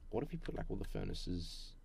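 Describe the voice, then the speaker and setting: A man's voice: sits low, big pitch swings, fairly quick, vocal fry, background noise. A young man hosting a Minecraft let's play, chatting, humming and talking to himself playfully as he builds. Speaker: gaming channel host.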